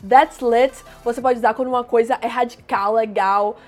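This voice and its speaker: A woman teaching everyday English phrases, explaining plainly and repeating each phrase slowly. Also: a little high, steady tone. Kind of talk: casual language lesson.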